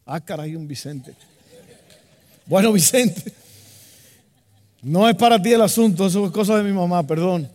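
A man preaching a lively sermon as pastor, acting out voices and joking with the congregation. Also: sits high, measured pace, long pauses, in a large hall.

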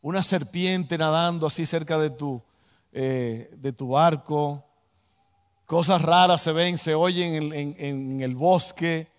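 Man, storytelling sermon, animated, high-pitched, long hall reverb. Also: slow pace, smooth. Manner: animated storyteller, acts out voices and exclamations.

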